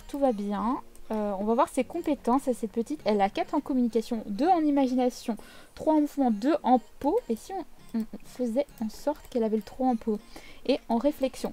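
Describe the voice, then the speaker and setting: A woman's voice: high-pitched, brisk, mellow. A woman giving casual, chatty gameplay commentary with a playfully teasing manner. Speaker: video game let's player.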